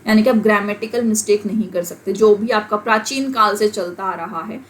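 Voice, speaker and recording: A woman with an Indian accent teaching an English class, explaining in Hindi mixed with English and reading the English example sentences out slowly. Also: mid-range voice. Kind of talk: classroom lecture.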